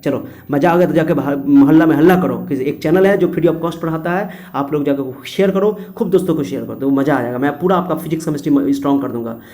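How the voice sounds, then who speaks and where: Chatty young male teacher, slightly high and mellow, explains a memory trick. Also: fast, hardly any pauses. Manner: chatty, acts out voices in the story.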